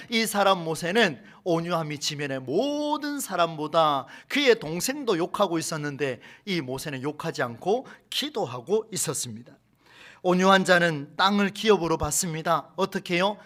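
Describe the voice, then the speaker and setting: A man preaching a Sunday sermon as a pastor in a church, animated, with rhetorical questions and acted-out quotes. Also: high voice, normal speed, hardly any pauses. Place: church sanctuary.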